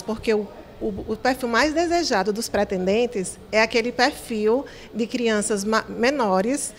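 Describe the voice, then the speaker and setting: A woman with a Brazilian accent giving an unscripted, somewhat hesitant explanation in an interview. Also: a little high.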